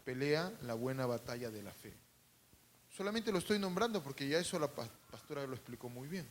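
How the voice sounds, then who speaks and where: A man preaching a sermon to a congregation, calling out for responses, adding humorous asides, and swinging between loud and hushed. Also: medium pitch, expressive, brisk, slight background noise. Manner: calls out to the congregation and asks for responses. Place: church service.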